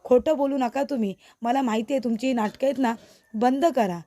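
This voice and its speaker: A woman's voice: on the high side, a little fast, warm tone, no room sound, close to an everyday voice. A woman reading as a defiant accusing young wife. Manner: accusing, blunt.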